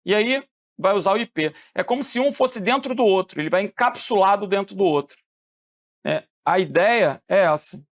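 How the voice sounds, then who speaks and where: A man from Rio de teaching a lively classroom lecture, asking the students questions and answering them himself. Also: high voice, normal speed. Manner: animated, asks questions and answers them, acts out phone calls.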